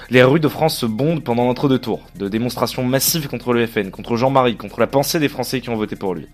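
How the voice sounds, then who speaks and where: Low male voice, from Provence, scripted radio column, declamatory. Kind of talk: read political commentary.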